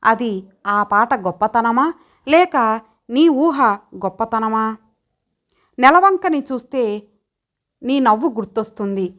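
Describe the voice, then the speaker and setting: A woman voicing a young wife who is playful, teasing and quick to anger, in an expressive, lilting reading. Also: fairly high pitch. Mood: dreamy.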